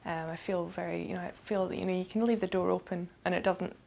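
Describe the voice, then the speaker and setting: A woman's voice: fairly low pitch, steady tone, fast talker, creaky, darkish tone. A young woman giving casual, conversational answers as an interviewee. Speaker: vox pop interviewee.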